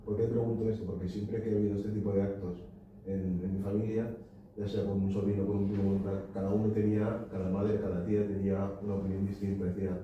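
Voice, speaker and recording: A man's voice: fairly low pitch, little pitch movement, fast talker, slight background noise. Hesitant young man asking from the floor. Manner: hesitant, many fillers and tag questions. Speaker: audience member asking a question. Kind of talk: question from the floor at a book talk. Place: lecture hall at a cultural society. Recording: echoey hall, distant and dull.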